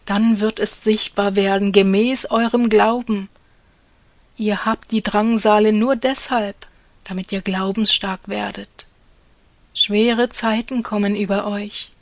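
A woman reads a devotional message in a slow, unhurried voice, speaking as God the Father. Her tone is earnest and exhorting, and her phrase endings often fall to a hushed softness. The recording is dry and close, with no room sound. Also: medium pitch, no echo.

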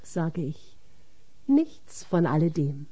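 A woman reading a religious text aloud in a measured, solemn way. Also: low voice, sing-song, warm tone, slightly rough. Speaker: reader.

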